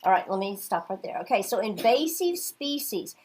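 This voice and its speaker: Her medium-pitched voice swings widely in pitch, sounding a little mellow and husky at a moderate pace. The speaker is a middle-aged Oklahoma teacher who talks chattily in class and regularly asks her students "okay?"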